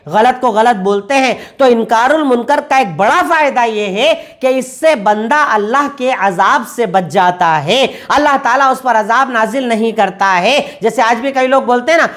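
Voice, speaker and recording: A woman teaching a Quran commentary lesson, explaining word by word with English glosses and repeating points in steady lists. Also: a little high.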